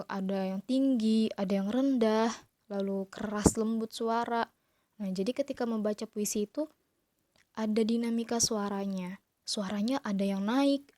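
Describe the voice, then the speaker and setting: A woman's voice: medium pitch, dark tone, no room sound. Patient woman teacher, dry close sound. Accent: Indonesian. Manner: patient, explains step by step, addresses pupils as friends. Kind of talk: online class lesson.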